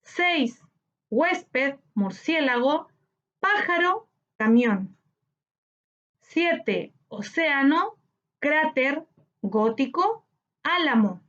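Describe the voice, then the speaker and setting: A woman teacher with a Chilean Spanish accent, slowly explaining a grammar lesson to children and stretching words out syllable by syllable. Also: sits high, lively intonation, fairly bright tone. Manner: slow, clear, syllable-by-syllable teaching delivery. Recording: slightly dull lo-fi audio.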